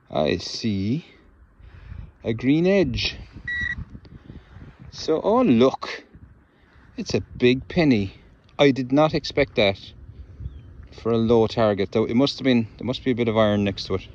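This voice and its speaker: A middle-aged man metal detects in an open farm field in wind and rain, chatting casually to viewers while he digs. His mid-range voice is expressive and a little mellow, slow with long pauses, and the highs are cut off.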